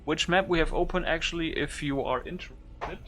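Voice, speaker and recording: A gaming YouTuber shows off a modded game, thinking aloud without a script in a brisk, fairly high, sharp-toned voice. There's a little hiss or hum on the recording.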